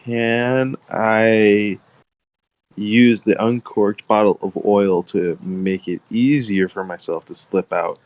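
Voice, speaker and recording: A man playing a tabletop game, excitable and often restarting his words. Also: lowish voice, takes it slowly, no echo. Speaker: player. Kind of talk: casual tabletop game play.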